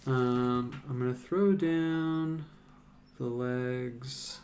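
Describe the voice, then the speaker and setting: A man's voice: medium pitch, extremely slow, slight background noise. A man chatting casually on a live stream as he paints, rambling loosely with lots of fillers. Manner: rambling, relaxed, many "like"s and fillers.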